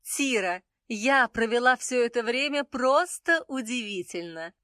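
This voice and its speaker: A sleek, half-feline goddess of beauty speaks in a high, airy voice, put on by a male reader, unhurried and mysterious. Her tone stays cool and appraising, as if she knows more than she tells. The recording is dry and close. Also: animated, pushed and bright, no room sound, full character voice. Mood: dreamy. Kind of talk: audiobook character voice.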